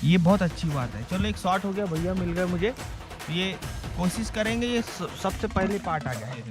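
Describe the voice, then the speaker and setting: A man talks on the trail in a dense forest, excited and pointing things out as he walks. His voice is high for a man, and light music sits faintly underneath. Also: normal speed. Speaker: trekker filming on the trail. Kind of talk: casual on-the-spot chat.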